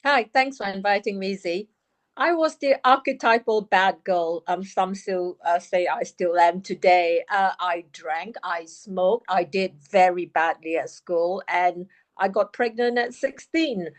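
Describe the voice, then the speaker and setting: A woman in her fifties, a panel guest telling her life story in a frank, brisk, self-deprecating way. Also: mid-range voice. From United Kingdom. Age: 50s. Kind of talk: candid storytelling.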